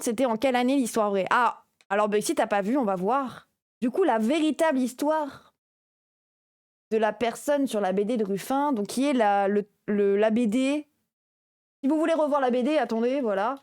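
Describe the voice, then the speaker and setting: High-voiced sarcastic woman streamer. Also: a little mellow, no echo, studio quality. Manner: sarcastic, chatty, many fillers. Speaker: streamer reacting to a video. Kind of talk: casual live-stream react commentary.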